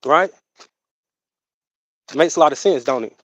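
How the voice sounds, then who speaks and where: A man's voice: on the high side, dry recording, rough recording. A man, chatting casually on his livestream in a rambling way, full of fillers. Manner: rambling, drawn-out, full of fillers and "you know what I'm saying". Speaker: livestream host.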